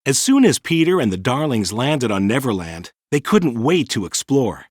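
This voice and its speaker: A man reads a children's story aloud in a mid-pitched voice, his intonation lively and swinging widely. He keeps the telling expressive and clearly paced at normal speed for young listeners. The recording is dry, with no room sound.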